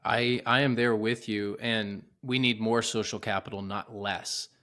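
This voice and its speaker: A man's voice: lowish voice, fairly even intonation, a little slow, a bit bright. A man hosting a casual interview, asking pointed rhetorical questions and stumbling through restarts. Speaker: podcast host.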